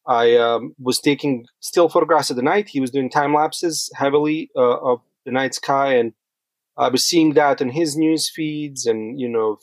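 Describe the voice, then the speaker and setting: This podcast guest is a man from rural Bosnia whose mid-range voice carries no echo. Reflective and groping for words, he shares his story in a relaxed interview style.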